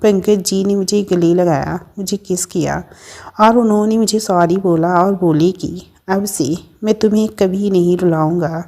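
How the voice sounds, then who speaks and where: Woman doing a shy young wife, bashful, eager, storybook, lowish voice. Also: measured pace. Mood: excited. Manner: bashful, excited.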